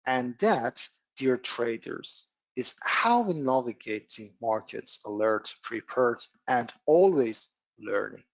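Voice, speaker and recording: Guy teaching a trading webinar, slow pace, lots of uhs, dull dry audio. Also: mid-range voice, expressive, gravelly, dry recording. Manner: frequent "uh" fillers, rhetorical questions. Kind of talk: webinar lesson, partly read script.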